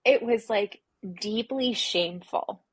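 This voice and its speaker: A woman who grew up in Singapore, a therapist and former teacher, speaks candidly and informally as an interview guest, reflecting aloud and voicing her inner dialogue. Her voice is a little high and husky, her pace slow, and the recording dry.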